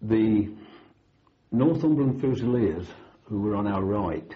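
An older British man, a former soldier, remembers his war service in a measured, matter-of-fact interview manner with dry understatement. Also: fairly low pitch, expressive. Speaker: army veteran, former platoon sergeant. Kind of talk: old veteran remembering, oral history interview. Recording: dull, lo-fi interview recording.

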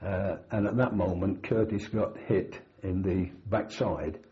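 An older British man, a former soldier, remembers his war service in a measured, matter-of-fact interview manner with dry understatement. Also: deep voice, fairly even intonation. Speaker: army veteran, former platoon sergeant. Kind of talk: old veteran remembering, oral history interview. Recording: dull, lo-fi interview recording.

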